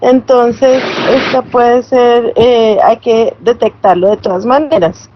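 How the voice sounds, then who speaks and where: A woman's voice: on the high side, fairly even intonation, slow pace, background noise. A woman giving an online lecture, explaining step by step and checking in with tag questions. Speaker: teacher. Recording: slightly dull, lo-fi sound.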